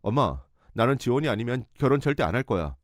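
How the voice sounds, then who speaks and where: A man's voice: mid-range voice, big pitch swings, fast talker, no room sound, clean studio sound, natural voice. A man voicing a young boyfriend who pleads and begs. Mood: pleading. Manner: pleading, begging.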